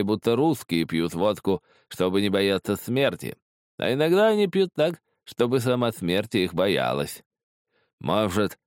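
A man's voice: lowish voice, clean tone, no echo, clean studio sound, voice pushed up. A man voicing a drunk, broken old male spy who raves and screams in a trembling, rattling, slightly lisping voice. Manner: shrieking, raving, trembling voice.

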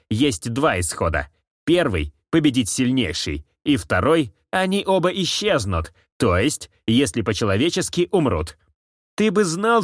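A man's voice: mid-range voice, no room sound, clean studio sound, close to an everyday voice. A man voicing a cheerful, scheming male killer who boasts about his plan. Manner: boastful, explanatory, gleeful. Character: cheerful scheming male ripper, smug plotter.

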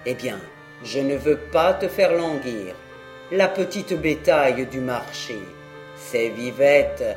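A woman voicing a gruff, scheming old uncle in a storybook reading, dropping her voice low. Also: animated, takes it slowly, soft background music, full character voice. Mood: sly, gruff.

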